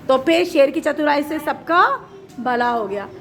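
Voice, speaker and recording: A woman telling a story to children indoors, lively and often asking them questions. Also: high voice, a little slow, a little hiss or hum.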